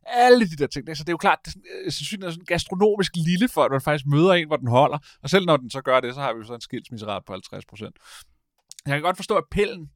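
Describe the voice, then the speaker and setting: A man in casual conversation as a podcast host, rambling and animated, often stopping to correct himself. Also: on the high side, no room sound, clean studio sound. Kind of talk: casual chat.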